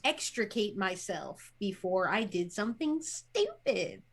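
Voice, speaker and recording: Woman as a slow, seething vampire warrior. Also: mid-range voice, big pitch swings, husky, full character voice. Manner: speaking through gritted teeth. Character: fuming female vampire warrior, fiercely loyal, restrained. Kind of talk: tabletop role-play acting.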